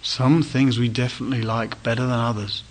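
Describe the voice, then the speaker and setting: A male meditation teacher giving a dharma talk at a retreat, speaking gently in short, inviting phrases with pauses. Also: medium pitch, little pitch movement, a little hiss or hum, poor audio.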